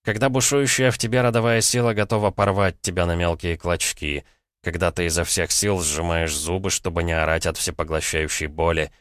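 A male audiobook narrator with a very low, deep voice reads in a measured, dramatic way. The recording is close and dry, with no room sound. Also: flat delivery, fairly bright tone, no room sound. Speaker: audiobook reader. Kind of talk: scripted narration.

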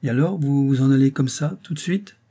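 A man voicing an irritable, sharp-tongued middle-aged woman in a story reading, scornful and shrill. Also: fairly quick, slightly rough.

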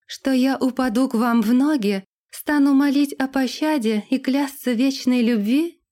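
A woman's voice: high-pitched, a little slow, mellow, pitched above the performer's own voice. A proud young noblewoman in a storybook, scornful and cutting, her voice lifted as a woman reader puts her on. She speaks with cold, biting contempt.

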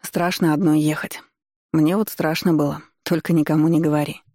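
A woman's voice: low-pitched, flat delivery, normal speed, mellow, dry recording. A woman voicing a cocky young village man who keeps teasing and provoking, recorded dry and close.

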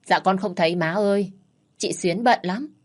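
A woman voicing a lively, headstrong young daughter who speaks eagerly. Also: medium pitch, normal speed, lightly acted. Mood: playful. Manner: eager, pleading.

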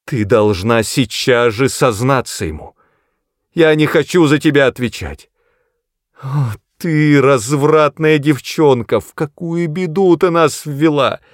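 A man's voice: slow pace, no room sound, studio quality, close to an everyday voice. A man voicing a hysterical middle-aged mother who shrieks and wails in panic. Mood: shrieking. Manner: shrill, wailing, sometimes moaning.

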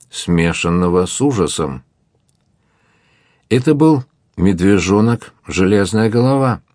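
A man reading an adventure audiobook in a measured, even way. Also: deep voice, no room sound, studio quality. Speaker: audiobook narrator. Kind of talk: audiobook narration.

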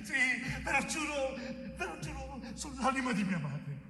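A man's voice: very high voice, animated, moderate pace, roomy sound, in a large hall, far from the mic, music in the background. An actor playing a terrified young male bricklayer who desperately swears a forced confession in pleading, repeated oaths, performed as a stage monologue. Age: young adult.

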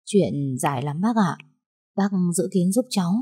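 A woman voicing an anxious young woman who speaks quietly and urgently and keeps her secrets. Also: on the low side, lively intonation, moderate pace, husky. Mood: earnest.

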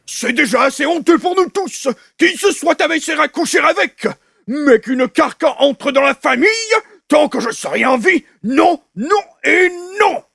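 A man doing a proud old father in a storybook drama, enraged, ranting and hurling insults. His voice sits very high, with a gravelly rasp and a lively, swinging pitch. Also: measured pace, no echo, clean studio sound, exaggerated voice. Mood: outraged. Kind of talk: audiobook drama reading.

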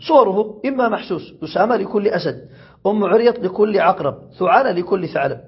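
A grammar teacher from Yemen with a high, very husky voice, pausing to ask if the class follows. The recording is dull and lo-fi. He repeats each example before moving on. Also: lively intonation. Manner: asks checking questions, repeats examples.

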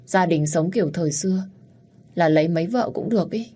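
A woman's voice: fairly low pitch, brisk, warm tone, close to an everyday voice. A woman voicing a stubborn, sulky seventeen-year-old girl in an audio story. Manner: pleading, sulky.

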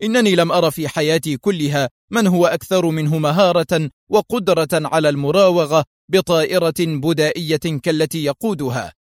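A man's voice: fairly high pitch, a little fast, dry recording, clean studio sound, natural voice. A man voicing a resentful, hot-headed male fighter pilot talking over the radio. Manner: resentful and heated.

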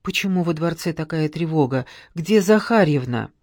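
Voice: medium pitch, expressive, normal speed, a little mellow, no room sound, studio quality, close to an everyday voice. A narrator voicing an anxious, headstrong young noble girl who presses urgently for answers. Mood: alarmed. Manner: urgent, pleading, insistent. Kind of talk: audiobook character reading.

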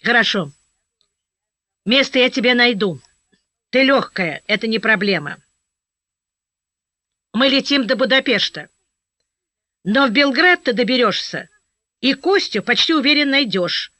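A woman reading an audiobook, voicing a burly, gruff male army officer who barks and then talks bluntly and kindly. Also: fairly high pitch, animated, a little slow, long pauses, no room sound. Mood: blunt reassurance. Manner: barks, then softens into blunt fatherly talk. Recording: dry, slightly dull audio.

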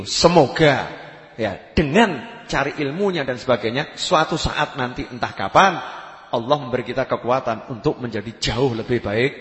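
Man preaching in an echoey hall. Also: medium pitch. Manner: rhetorical questioning, conversational. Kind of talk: sermon with storytelling. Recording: echoey hall with long reverb.

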